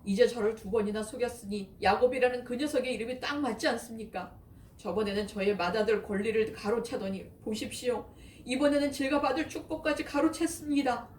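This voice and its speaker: A woman's voice: fairly high pitch, brisk, darkish tone, natural voice. A woman voicing a grown son who pleads in a raised voice, close to tears, in a scripture reading. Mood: indignant. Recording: echoey, distant, faint noise.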